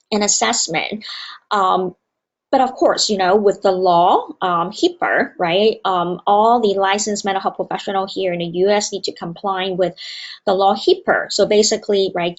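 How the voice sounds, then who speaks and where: Speaking through a remote video call with dull audio, this Hong Kong woman delivers a conference presentation as director of student wellbeing at a university. She has a medium pitch and comes across as earnest, though she hesitates and uses many fillers.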